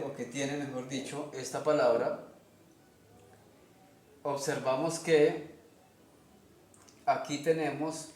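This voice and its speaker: A man with a Colombian Spanish accent walks through a language lesson at a slow, unhurried pace. He explains each step methodically and keeps checking that his listeners follow. His voice sits at a middle pitch and rings in an echoey room. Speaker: teacher of a constructed language.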